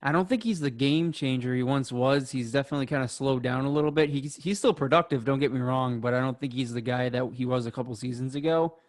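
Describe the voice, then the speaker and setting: Chill dude talking ball on a podcast, lots of i mean and you know. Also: male voice, medium pitch, quick pace, few pauses. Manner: laid-back, fills with "I mean" and "you know". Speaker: podcast co-host. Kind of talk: casual sports chat.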